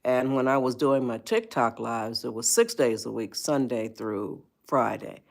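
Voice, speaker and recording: An 81-year-old woman hosts a live stream, giving advice spontaneously while rambling, repeating herself and greeting viewers by name. Her voice is rumbling low with vocal fry, at a measured pace.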